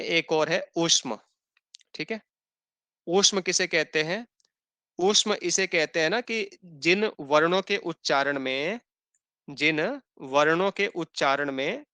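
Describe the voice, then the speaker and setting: A man's voice: a little high, pushed and bright, clean tone, no echo. A man teaching an online language class, patiently repeating definitions for students to note down and checking in often. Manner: patient, repeats points slowly for note-taking; checks in with "thik hai" and "hai na". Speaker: Sanskrit teacher.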